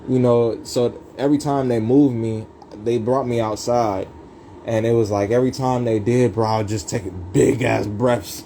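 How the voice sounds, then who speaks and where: A man's voice: medium pitch, fairly even intonation, normal speed, mellow, a little hiss or hum, rough recording. A man telling his life story in a rambling, profane livestream, heavy with street slang and fillers.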